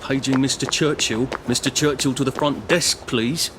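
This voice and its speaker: An actor playing a polite male hotel desk announcer, paging a guest over a soft lobby loudspeaker from a distance, in video game dialogue. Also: mid-range voice, moderate pace, background noise.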